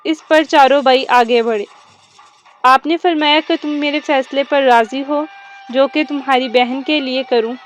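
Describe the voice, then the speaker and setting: A woman with a high voice reads a religious tale as scripted narration. Her delivery is formal and reverent, and soft music plays faintly behind her. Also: steady tone.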